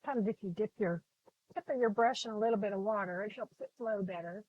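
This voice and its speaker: This time the middle-aged Texas woman talks fast in a mid-range voice, rambling casually and greeting viewers by name as she paints on a live stream. The audio from her phone camera is narrow and tinny, though free of echo.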